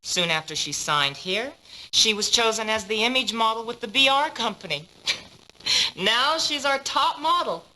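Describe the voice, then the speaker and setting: An actress voicing a poised, businesslike female modeling agency boss in dubbed game dialogue, smooth and guarded. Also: on the high side, animated, measured pace, sharp tone, heavily acted, rough recording. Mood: composed.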